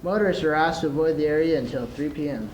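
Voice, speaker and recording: Reading scripted radio news at a quick pace, a teen student competitor speaks in a fairly high voice. The sound is lo-fi, recorded live in a large, echoey, noisy room at a school event.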